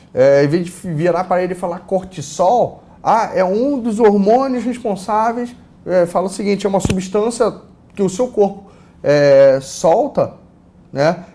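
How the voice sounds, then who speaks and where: A man with a Brazilian accent giving an online course lecture on a lapel mic, casual and full of fillers and repeated words, swinging between loud and soft. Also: fairly high pitch. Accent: Brazilian Portuguese. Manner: casual, many fillers and repeated words, lively shifts in loudness. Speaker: course instructor.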